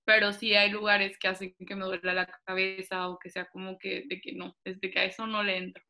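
A young woman, chatting on a podcast. Her voice is bright and sharp, at an ordinary pitch. She talks in a relaxed, slangy way. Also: a little fast, gravelly. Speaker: podcast co-host. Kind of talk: casual chat.

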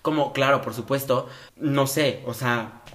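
A Mexican man co-hosting a podcast in casual chat, animated and freely swearing, acting out the voices in his stories. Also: mid-range voice, a little slow. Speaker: podcast co-host.

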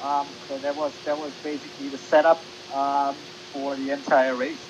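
A man's voice: medium pitch, little pitch movement, moderate pace. A man who is a podcast guest, explaining at length with many fillers. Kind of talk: casual podcast chat. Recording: hissy recording.

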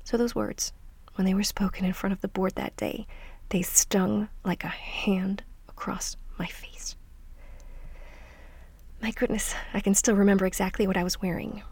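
A middle-aged woman hosting a scripted self-help podcast, speaking softly and reflectively, often trailing into a near-whisper. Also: medium pitch, fairly even intonation, normal speed, husky, no room sound. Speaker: podcast host.

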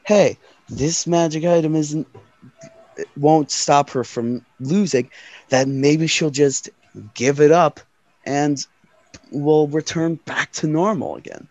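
A man's voice: on the high side, takes it slowly, pauses often, a little mellow, dry recording. Rambling man running a tabletop game. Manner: rambling, self-correcting.

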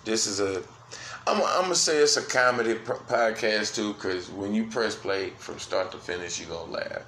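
A man hosting a solo sports podcast, cursing freely and swinging between loud outbursts and quiet, low asides. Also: normal speed, reverberant, slight background noise. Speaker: podcast host.

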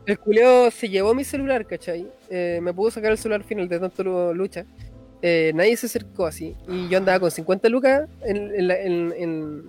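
Young Chilean man, high voice, rapid slangy storyteller, faint music bed. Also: a little mellow. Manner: fast slangy storytelling, frequent "cachai" tags. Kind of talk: casual storytelling chat.

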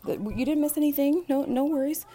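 A woman's voice: high-pitched, a little fast, warm tone, pitched above the performer's own voice, lightly acted. A woman voicing a female Bible study teacher who gushes sing-song reassurances. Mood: reassuring.

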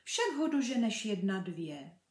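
Woman reader putting on a small teasing girl: high, bright, coaxing, roomy echo. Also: big pitch swings, close to an everyday voice. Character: cheerful little girl with a bow, teasing. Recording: echoey room.

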